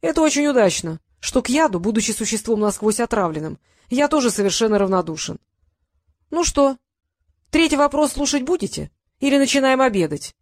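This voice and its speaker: A woman's voice: fairly high pitch, very animated, brisk, no room sound, clean studio sound, pitched above the performer's own voice. A woman voicing a gloating sphinx monster. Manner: gloating, playful. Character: smug, mocking male sphinx monster. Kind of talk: audiobook reading.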